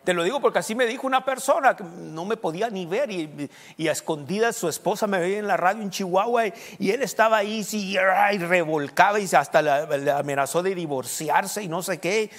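A man's voice: sits high, fairly quick, few pauses, long reverb tail. A man preaching a sermon in a conversational way, often quizzing his listeners with questions.

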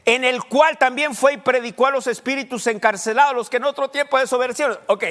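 A man's voice: very high voice, fast, fairly bright tone. A male pastor preaching a teaching sermon, quizzing his congregation and dropping English fillers. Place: church hall. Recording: echoey church hall.

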